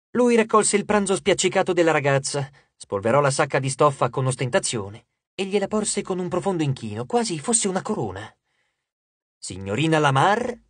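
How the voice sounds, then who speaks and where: A man narrating an audiobook in an expressive storytelling manner, close to the mic. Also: fairly high pitch, no room sound. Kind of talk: scripted narration.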